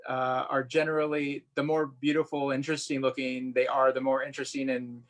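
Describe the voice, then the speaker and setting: Brisk and mid-range with little pitch movement, this man speaks as a guest illustrator, chatting eagerly and casually while he shows how he draws and thinks out loud. The sound is roomy with echo, captured away from the microphone.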